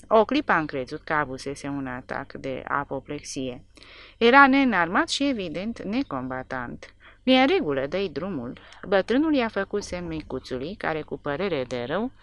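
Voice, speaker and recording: A woman narrating a war novel as an audiobook with an expressive, dramatic reading. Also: low-pitched.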